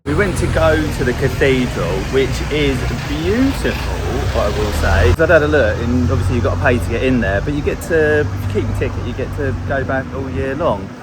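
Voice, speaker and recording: A man's voice: medium pitch, expressive, fairly quick, few pauses, loud music behind the voice. A man vlogging as he walks a city street, chatty and enthusiastic. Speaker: travel vlogger. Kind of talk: casual travel vlog chat. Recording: street traffic noise. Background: traffic and street noise.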